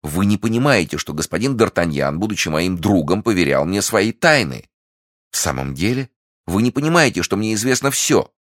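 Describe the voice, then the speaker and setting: A man voicing a scheming, manipulative French noblewoman who fakes warmth, talking in a feverish, insistent way. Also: deep voice, sing-song, normal speed, no room sound, studio quality, voice pushed up. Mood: gushing.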